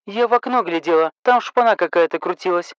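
A man's voice: high voice, a little fast, clear, resonant tone, dry recording, muffled recording, voice pushed up, lightly acted. Man doing a nosy gossipy woman caller. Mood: conspiratorial. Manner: hushed, gossipy, conspiratorial.

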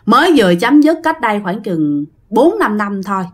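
Animated Southern Vietnamese woman storyteller. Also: medium pitch, normal speed, slightly rough. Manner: animated, addresses listeners directly. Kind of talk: casual ghost-story narration.

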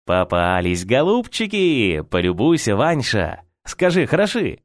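A man voicing an overexcited, dim young man who talks gleefully and excitably in an audiobook. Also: medium pitch, measured pace, no echo, studio quality. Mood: excited.

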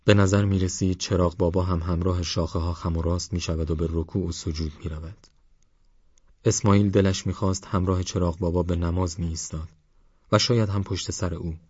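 A man calmly narrating an audiobook novel in a measured storytelling voice. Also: low voice, no room sound. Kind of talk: scripted narration. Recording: dull dry studio recording.

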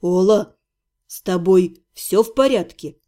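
A woman voicing a nervous, bewildered young male necromancer who speaks low and hesitantly. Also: fairly even intonation, normal speed, dark tone, natural voice.

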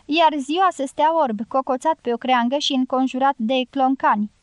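A woman reading the part of a reserved male fighter who answers in short, measured lines. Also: high voice, clear, resonant tone, dry recording, close to an everyday voice. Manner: measured, terse replies.

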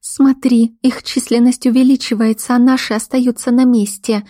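A woman voicing a vicious, spiteful young henchwoman who sneers and snaps in a shrill, furious voice. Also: normal speed, dark tone, no room sound, studio quality, natural voice. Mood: urgent. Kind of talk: audiobook character voice.

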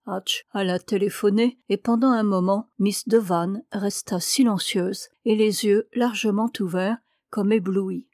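A woman narrates a detective story in a clear, even manner. Her voice sits at a middle pitch and is recorded dry and close, with no room echo. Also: measured pace, hardly any pauses. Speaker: audiobook reader.

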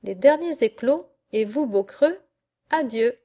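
A woman reading aloud, voicing a bold, teasing young country lad who speaks in an easygoing way, at a slow, mellow pace. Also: on the high side, expressive.

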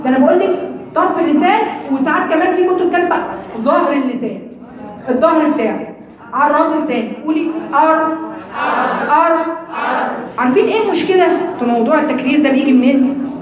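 A woman with an Egyptian Arabic accent teaching Quran recitation to a class, lively and demonstrating sounds. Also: high voice, rapid-fire, a crowd in the background. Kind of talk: lecture to students. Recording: very echoey, dull lo-fi sound.

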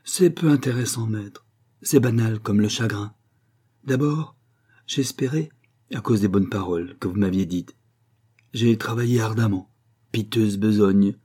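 A man's voice: on the low side, unhurried, dark tone, slightly rough. A man playing a humble, pleading young poet. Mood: bitter. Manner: humble, imploring.

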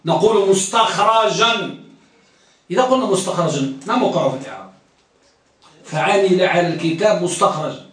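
A man's voice: high-pitched, very animated, fast. A man teaching a classroom lecture who quizzes his students and repeats key phrases. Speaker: teacher of hadith studies. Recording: very echoey room, distant mic.

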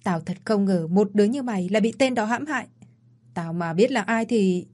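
A woman's voice: mid-range voice, moderate pace, dark tone, lightly acted. A woman voicing a blunt young friend. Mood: scolding. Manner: blunt, scolding.

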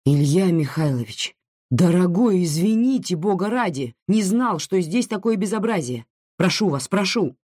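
A reader voicing a shouting male hospital chief who barks orders, in a dry recording. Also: medium pitch, animated, normal speed, breathy edge, no room sound, voice pushed up. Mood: fawning. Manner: brusque, barking orders.

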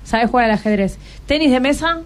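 With a lively, high-pitched voice and a slightly fast pace, a Rioplatense Argentine woman encourages schoolchildren in a casual radio interview, asking question after question. There's slight background noise.

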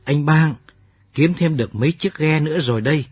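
A man's voice: on the high side, brisk, darkish tone, breathy edge, dry recording, pitched above the performer's own voice. A man voicing a brave young village mother who speaks earnestly and reassuringly in a radio story.

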